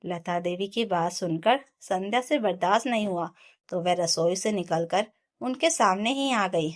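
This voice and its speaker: Female storyteller, emotional story narration, mid pitch, steady and expressive. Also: unhurried.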